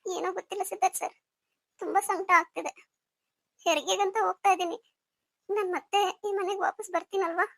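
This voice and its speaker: A woman voicing a gentle, anxious young pregnant wife who pleads softly, in a melodramatic audio story. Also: very high-pitched, steady tone, a little fast, gravelly, pauses often, no echo, full character voice.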